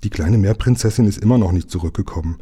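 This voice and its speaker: An eager, curious young boy from a storybook, as a man reading aloud puts him on, asking questions with keen interest. The reader's own low, dark, husky voice stays under the boy's lines. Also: fast.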